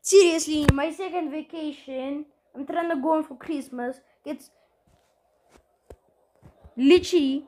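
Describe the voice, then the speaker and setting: A high-pitched woman rambles through casual gameplay commentary as her channel's host. She sounds exasperated and keeps addressing her viewers directly. A faint hiss sits under her voice. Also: a little slow, pauses often, warm tone.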